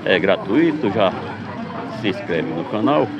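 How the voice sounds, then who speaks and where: A man's voice: deep voice, big pitch swings, measured pace, over a noisy crowd. A man from Pernambuco, cheerfully narrating a casual vlog from an outdoor street market. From Pernambuco, Brazil. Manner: upbeat, repetitive greetings to viewers. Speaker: vlogger. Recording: dull lo-fi sound, loud street noise.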